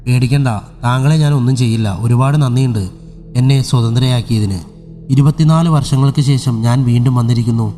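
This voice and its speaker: A man's voice: medium pitch, a little fast, mellow, soft background music, close to an everyday voice. A man voicing Yakshami, a vengeful female spirit. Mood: menacing.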